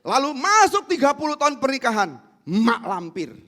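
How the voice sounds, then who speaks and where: Animated high-voiced preacher. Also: male voice, normal speed. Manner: swings from loud high emphasis to low soft asides; acts out everyday family quarrels to make points. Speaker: pastor. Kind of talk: sermon. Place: church service.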